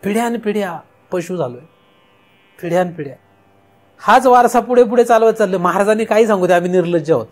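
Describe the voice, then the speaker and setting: A man's voice: high voice, lively intonation, brisk. A man with a Marathi accent giving a spiritual discourse, asking rhetorical questions and answering them himself. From India. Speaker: spiritual teacher. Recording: faint music in background.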